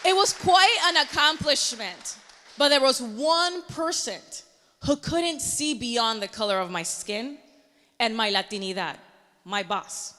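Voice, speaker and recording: Woman in her thirties, earnest motivational storyteller, bright voice with a long hall echo. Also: on the high side, animated, a little slow. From Panama. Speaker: meteorologist. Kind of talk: personal story speech.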